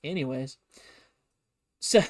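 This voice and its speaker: A man with a medium-pitched, slightly mellow voice talks slowly as he streams a laid-back, funny history lesson. He peppers the livestream lecture with sarcastic, playful asides.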